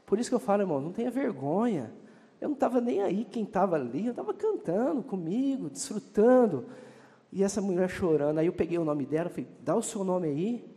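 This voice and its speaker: A man's voice: high voice, big pitch swings, brisk, warm tone, long reverb tail. A Brazilian man preaching a fervent sermon, reading scripture aloud and calling out to the congregation. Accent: Brazilian Portuguese.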